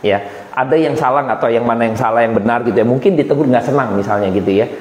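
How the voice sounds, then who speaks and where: A man preaching a sermon as an evangelist, casual and animated, slipping into slang. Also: medium pitch, fast talker. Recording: echoey hall reverb.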